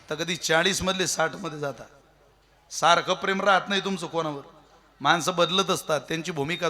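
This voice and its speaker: Male kirtan preacher with a bright, lifted voice, folksy and jokey, faint music underneath. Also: a little high. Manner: folksy, joking, rhetorical questions. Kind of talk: devotional sermon with humour.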